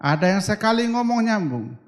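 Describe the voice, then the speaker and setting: A man's voice: high-pitched, big pitch swings, moderate pace. An older man from Toraja, a guest preacher, giving a humorous sermon and acting out quoted voices. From Toraja, Indonesia. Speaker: guest preacher and seminary rector. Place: large church hall. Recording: long hall reverb.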